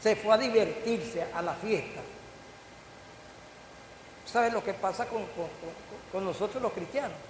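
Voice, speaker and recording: A man's voice: sits high, a little slow, long pauses. An older man preaching a sermon as pastor, with rising bursts and questions to the congregation. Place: church hall. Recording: echoey church hall with faint hiss.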